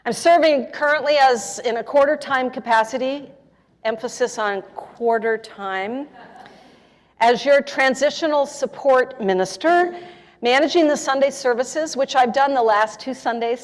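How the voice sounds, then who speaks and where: An older woman minister welcoming a congregation in a conversational, self-deprecating way during a church service. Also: high voice. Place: church sanctuary. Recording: long reverb of a church hall.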